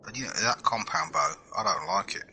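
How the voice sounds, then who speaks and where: A man with a very deep, gravelly voice in a laid-back gaming chat. His pitch swings widely as he talks, and he often breaks off and restarts. His voice chat comes through with clear noise behind it. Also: animated, sharp tone. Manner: laid-back, halting, with false starts. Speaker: gamer chatting during play. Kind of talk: casual chat. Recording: noisy voice chat recording.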